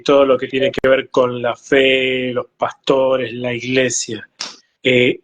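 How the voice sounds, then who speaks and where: A man with a Rioplatense accent leads a conversation, asking questions slowly and with many pauses and fillers. His voice sits at a middle pitch. The delivery is plain and unhurried. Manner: hesitant, with frequent fillers. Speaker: interviewer.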